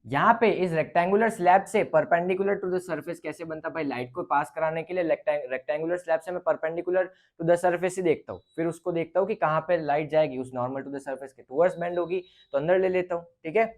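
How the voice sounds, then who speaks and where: A man's voice: a little high, moderate pace, few pauses. A man teaching a physics lesson on light, talking through a problem in a loose, conversational way and often checking in with his students. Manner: casual, repeats "ठीक है" and thinks aloud. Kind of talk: explaining a lecture on light.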